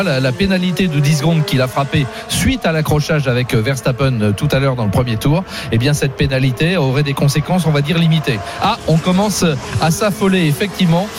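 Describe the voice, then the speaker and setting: Un homme qui commente une course automobile en direct, bavard et analytique, ponctuant son propos de tournures familières. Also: male voice, a little high. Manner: talkative, analytical, with frequent conversational tags. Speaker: motorsport commentator. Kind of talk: live motor racing commentary.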